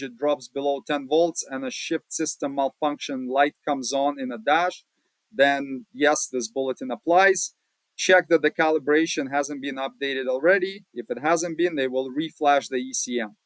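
A man's voice: mid-range voice, dry recording, poor audio. Casual man explaining a repair bulletin. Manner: relaxed, plain-spoken, many fillers. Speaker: automotive channel host. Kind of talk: casual screen-share walkthrough.

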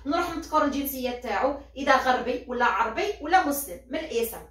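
A woman's voice: high-pitched, animated, fast talker, fairly bright tone. A woman teacher with an Algerian Arabic accent explains a philosophy lesson step by step, repeating points and asking herself questions before answering them. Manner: repeats steps, asks and answers own questions. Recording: echoey room, voice from a distance.

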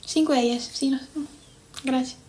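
A woman's voice: sits high, fairly even intonation, unhurried, warm tone, slight background noise. A young Cuban woman with a Cuban Spanish accent, chatting casually on a livestream and answering viewers' comments. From Cuba. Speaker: livestream host. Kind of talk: casual live-stream chat with viewers.

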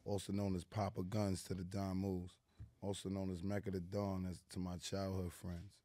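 Guesting in a casual interview, this middle-aged New York City man keeps things laid-back and street-style, dropping "you know what I'm saying" again and again. He speaks at a moderate pace in a very low, level voice with a dark, mellow tone. Recorded on a boom-arm studio mic in a small plant-filled indoor lounge, the audio is close and dry with no room sound.

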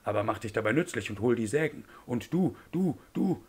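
A man reading the part of a gruff, commanding old islander who gives curt orders in an audiobook. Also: medium pitch, animated, a little fast, a little mellow.

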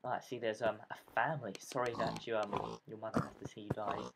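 A man's voice: lowish voice, fairly even intonation, a little fast, creaky. A man hosting casual let's play commentary from his bedroom, rambling and self-mocking, often dropping to a whisper. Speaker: gaming channel host. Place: bedroom at home. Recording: noisy home recording.

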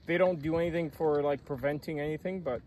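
A man's voice: a little high, steady tone, fast. A man in ice-cold water chatting casually outdoors, picked up by a camera a few metres away. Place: outdoors in a frozen lake ice hole. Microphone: phone camera a few metres away. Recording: outdoor camera, chatter around, slightly distant.

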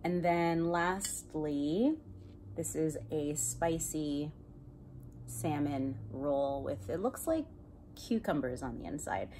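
A woman hosting a mukbang video, chatting playfully and joking between bites, sometimes dropping into soft whispery asides. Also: low-pitched, animated, slow, slight background noise. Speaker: host. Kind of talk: casual mukbang chat while eating.

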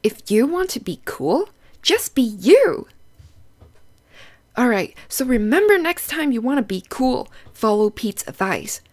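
This female narrator reads aloud to children in an unhurried yet animated way, slightly high in pitch, offering simple teaching phrases and questions for her young audience.

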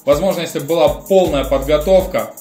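A man's voice: fairly high pitch, a little fast, mellow. A man giving live commentary on a combat sports bout as the lead commentator. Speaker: fight commentator. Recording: roomy echo, music behind.

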